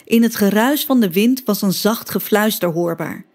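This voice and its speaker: A woman reading a children's story aloud as scripted narration, expressive and lively, voicing the characters' cries. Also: medium pitch, moderate pace. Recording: music bed behind voice.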